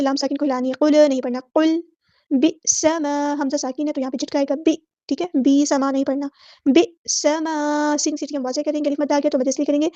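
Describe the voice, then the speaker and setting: A woman teaching Quran recitation rules. She explains each rule briskly in a methodical way, then recites the words slowly and draws out the vowels. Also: high voice, mellow, no echo. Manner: methodical, repeating set phrases for every letter. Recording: dull lo-fi dry audio.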